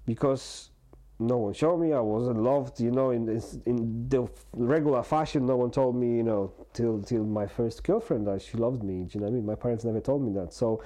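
A man in his forties talking candidly in a conversation, halting and earnest, with many restarts and fillers. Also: mid-range voice, mellow. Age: 40s. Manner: earnest and open. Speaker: guest.

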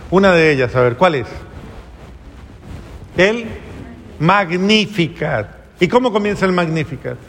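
Priest preaching in a reverberant church. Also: male voice, expressive, unhurried, long pauses, slight background noise. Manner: conversational, addresses the congregation directly with questions; acts out prayers in a soft lower voice. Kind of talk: homily.

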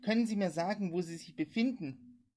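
A worried man speaks insistently, trying to get help for a stranger he hears over the radio. A woman reader voices him in her own low, husky tone. His delivery is agitated and urgent. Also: fairly quick, darkish tone, lightly acted.

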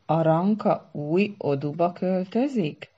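A prickly storybook bird bride, as a woman puts her on, acid and clipped, her words sharp with jealousy. The voice is low and husky with a dark, mellow tone. The sound is slightly dull and lo-fi. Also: lively intonation. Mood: suspicious. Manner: acid, clipped, rising to shrill when angry.

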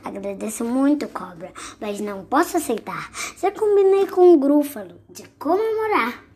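A woman voicing a small, clever, boastful mouse in a read-aloud storybook, high and excitable. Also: moderate pace. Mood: cheeky.

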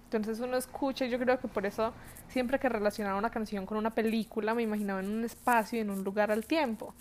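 A woman chatting casually, calm and reflective in manner. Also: a little high, quick pace, slight background noise. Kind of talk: casual chat.

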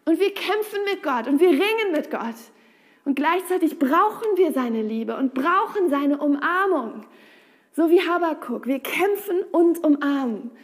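Eine Frau, die ernst, direkt und im Gesprächston predigt. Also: female voice, high-pitched, expressive, measured pace. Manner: earnest, direct, conversational. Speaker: preacher. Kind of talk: sermon.

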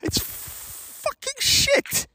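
A middle-aged South African man with a South African accent speaks extremely slowly, his tone bright and forceful, over a slight hiss or hum. Recording a casual video message on a handheld recorder, he rambles with profanity and pokes fun at himself.

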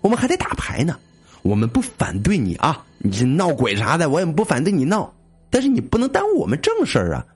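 A man's voice: a little high, huge pitch swings, a little fast, slightly rough, soft background music, voice pushed up, full character voice. A man voicing a crude male college student who swears freely and bosses people about impatiently. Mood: annoyed grumbling. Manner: swears a lot, bossy and impatient.

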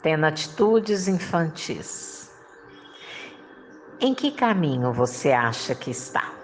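A woman's voice: sits low, big pitch swings, takes it slowly. A woman giving a motivational monologue, coaxing listeners with rhetorical questions and frequent laughs. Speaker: motivational speaker.

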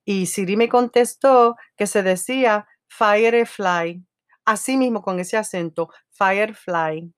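A woman's voice: mid-range voice, normal speed, hardly any pauses. A woman hosting a podcast with a New York Spanglish accent, chatting casually, laughing often and slipping into English. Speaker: podcast host.

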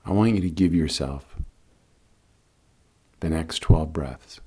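Male meditation guide: extremely deep register, husky tone, soothing and unhurried delivery. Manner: calm, soothing, unhurried instruction. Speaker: guided meditation and breathing teacher.

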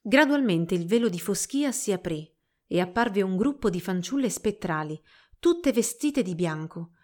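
A woman narrating a storybook fairy tale in a calm, measured way. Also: medium pitch.

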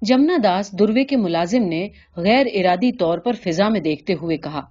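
A woman reads a literary story aloud in a calm, measured way. Her tone is mellow and dark, and the recording sounds slightly dull and lo-fi. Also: medium pitch. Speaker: narrator. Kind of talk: story reading.

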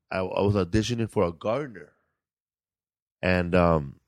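Here the Californian host has a low, slightly dark voice as he riffs through casual, comedic podcast banter full of slang and repetition. The sound is dry and studio-clean.

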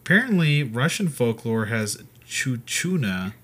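A man's voice: medium pitch, big pitch swings, unhurried, a bit bright, breathy edge. A young man co-hosting a casual podcast, joking around and reading facts aloud in a laid-back way. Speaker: podcast co-host. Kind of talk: casual chat.

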